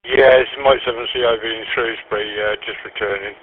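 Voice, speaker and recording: A man's voice: medium pitch, steady tone, quick pace, no echo. A man talking over a two-way radio as an amateur operator, keeping to brief radio procedure and signing off each turn. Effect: heard over a two-way radio link. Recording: narrow, phone-like radio audio.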